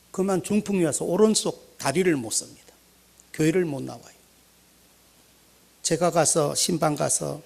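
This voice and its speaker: An older retired pastor with a Gyeongsang accent, telling stories in a sermon with animated shifts between loud and quiet. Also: male voice, a little high, creaky. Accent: Gyeongsang Korean. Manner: animated, anecdotal, swinging between loud and soft. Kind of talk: storytelling sermon.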